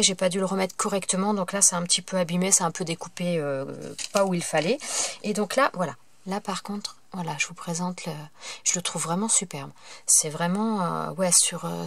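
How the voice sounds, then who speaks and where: A woman's voice: medium pitch, noisy background. A woman presenting a casual craft supply haul at home, chatting freely, apologizing and stumbling over her words now and then. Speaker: craft vlogger. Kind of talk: casual product haul review.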